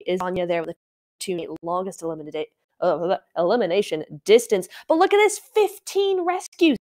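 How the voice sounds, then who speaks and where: A woman's voice: on the low side, lively intonation, moderate pace, darkish tone. A woman casting a live esports match, chatty and exclaiming as she reads out stats with her co-caster.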